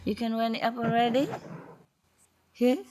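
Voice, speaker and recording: A woman's voice: fairly low pitch, animated, measured pace. A woman spiritual teacher chatting casually with a gathering, playful and laughing often, in broken English.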